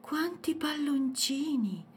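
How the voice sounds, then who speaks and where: Wide-eyed little girl full of questions, a woman reading her, high and bouncy. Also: very animated, moderate pace, mellow, slight background noise. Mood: curious. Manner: curious, amazed.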